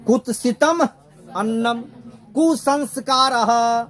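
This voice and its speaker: A male teacher with a strikingly high voice leads a grammar lesson. He talks at an unhurried pace, asks the class questions and repeats his points to drill them in. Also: a bit bright.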